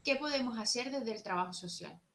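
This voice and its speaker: Speaking in a slightly high, animated voice at a fairly quick clip, a young woman from Jerez with an Andalusian Spanish accent delivers an earnest, explanatory talk at a social work seminar. Part of it is read from her notes.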